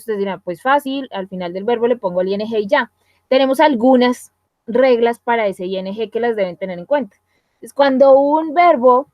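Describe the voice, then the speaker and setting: A woman's voice: fairly high pitch, dry recording. A woman who teaches an online English grammar lesson, explaining step by step and checking in with "¿listo?" and "¿sí?".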